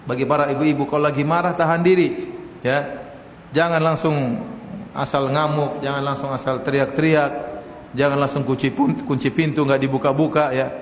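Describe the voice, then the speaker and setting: A man's voice: mid-range voice, a little hiss or hum. A male preacher giving a joking, storytelling sermon to an audience, quoting Arabic lines. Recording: echoey hall.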